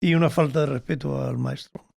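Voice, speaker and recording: A man, a biographer, speaking as an interview guest in an earnest, measured way and often agreeing. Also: medium pitch, fairly even intonation, gravelly, darkish tone. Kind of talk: casual conversational interview.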